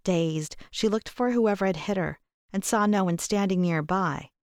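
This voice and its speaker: A woman narrating a story in a steady, even reading voice. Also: mid-range voice, moderate pace, dry recording, clean studio sound. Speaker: audiobook narrator. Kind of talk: scripted narration.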